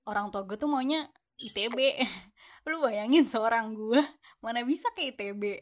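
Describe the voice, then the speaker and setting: A university student in her young adulthood casually recounts her story, her voice on the high side with lively intonation and a measured pace. She speaks slangy Jakarta speech, chatty and full of fillers.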